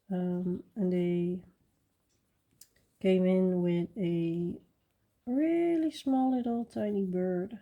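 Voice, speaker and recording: A woman chatting casually while she colors, soft-spoken and rambling with fillers and restarts. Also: fairly low pitch. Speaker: coloring channel host.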